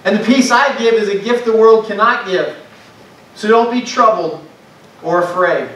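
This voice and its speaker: Picked up by a distant mic with echoey church acoustics, this pastor delivers a sermon in the sanctuary, addressing the congregation conversationally and asking them questions. His voice sits high and is a bit bright, at a moderate pace.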